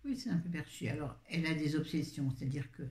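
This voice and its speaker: A fast-talking woman with a low voice and darkish tone reviews books casually for her viewers. She's a book vlogger who rambles and cuts herself off often, captured with a roomy echo.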